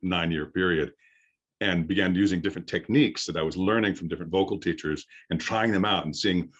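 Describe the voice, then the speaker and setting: Middle-aged man, low deep firm voice, voice coach, explanatory, thoughtful pauses, slightly muffled recording. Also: husky. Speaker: voice acting coach. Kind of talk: informal workshop lecture.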